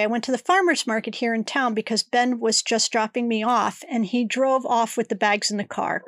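A congested middle-aged podcast host rambles chattily and personally through a solo casual episode of her show. She has a higher voice with a fairly bright tone, and the studio sound is clean, with no room sound.

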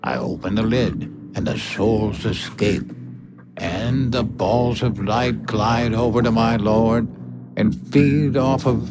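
A man playing a smug drawling demon. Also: fairly low pitch. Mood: gloating. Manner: slow, smug, drawling menace. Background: music.

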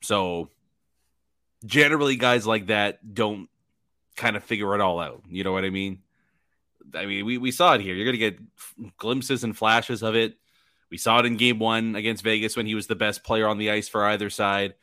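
A man co-hosting a casual sports podcast, teasing and laughing often and restarting his sentences in a halting way. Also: lowish voice, fairly even intonation, sharp tone. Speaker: podcast co-host.

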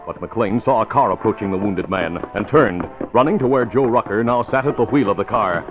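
Narrating a crime serial from 1940s radio, a man tells the story formally and dramatically, talking a little fast in a lowish voice. The old recording is muffled, with dramatic music in the background.

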